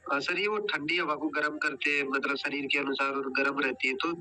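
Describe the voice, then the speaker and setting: A male student answering his teacher's question in an online class. He explains haltingly, in short pieces. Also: fairly high pitch, flat delivery, sharp tone, soft background music, poor audio.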